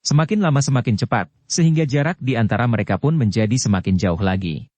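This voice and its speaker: A man reading a martial-arts novel aloud as a steady audiobook narrator who barely changes his voice for the characters. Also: medium pitch, fast talker, no echo.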